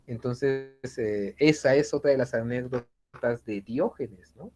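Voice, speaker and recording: A man's voice: medium pitch, takes it slowly, dark tone. A man teaching an informal philosophy class, chatty, tagging questions onto his sentences and acting out anecdotes. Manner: conversational, frequent tag questions and fillers, acts out anecdotes.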